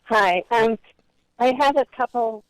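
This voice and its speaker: A woman's voice: on the high side, slow pace, dry recording. A woman caller on a speakerphone phone line, hesitantly reading out questions she wrote down. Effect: over the phone, on speakerphone. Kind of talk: call-in question.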